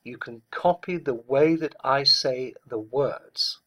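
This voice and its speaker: A man speaking as a speech coach, teaching in a measured, deliberate way and stressing each word clearly. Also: mid-range voice, fairly bright tone. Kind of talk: instructional talk.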